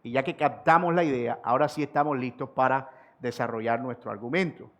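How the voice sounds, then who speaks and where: A pastor delivers an expository sermon in a medium-pitched voice. He repeats key sentences slowly for emphasis and builds in force on rhetorical questions.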